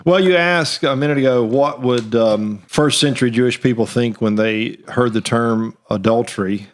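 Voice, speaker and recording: A man's voice: medium pitch, moderate pace. Guy on a faith podcast, mid voice, earnest, explains stuff with lots of uhs. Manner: earnest, explanatory, frequent fillers. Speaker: podcast co-host. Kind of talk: casual theological discussion.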